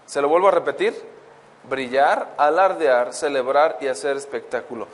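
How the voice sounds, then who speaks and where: A man teaching a Bible lesson as a preacher. He reads verses slowly and keeps asking the congregation questions. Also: medium pitch. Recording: long hall reverb.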